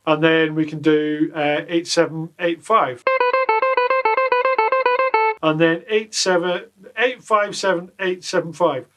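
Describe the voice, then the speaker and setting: A man teaching guitar exercises in a casual lesson from a small home studio, full of deadpan jokes between the explanations. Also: a little high, slow, pauses often. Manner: jokey, deadpan asides. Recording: loud guitar playing behind the voice.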